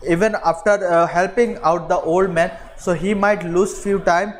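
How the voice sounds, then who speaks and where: A man's voice: sits high, fairly even intonation, normal speed, slight background noise. A man teaching a class, reading a story aloud and explaining it, with many fillers and questions to the pupils.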